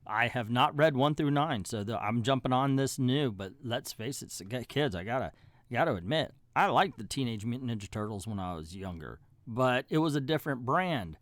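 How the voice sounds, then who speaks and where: A man's voice: mid-range voice, lively intonation, normal speed, a bit bright, no room sound, clean studio sound. A middle-aged man hosting a comic book review channel, giving a casual ranked countdown in a folksy, colloquial way with emphatic asides.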